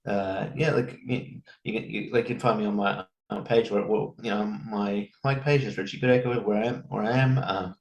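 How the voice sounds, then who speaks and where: A man's voice: fairly low pitch, steady tone. Rambling man in a roomy echo. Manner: rambling, halting, many restarts. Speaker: comedian guest. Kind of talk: casual podcast chat.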